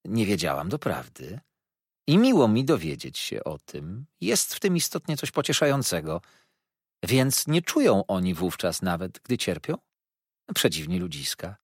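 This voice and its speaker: A man's voice: on the low side, huge pitch swings, a little slow, breathy edge, dry recording, clean studio sound, heavily acted. A man reading an audiobook voices a sarcastic young woman who feigns innocence with arch, needling questions. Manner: arch, mock-naive questioning.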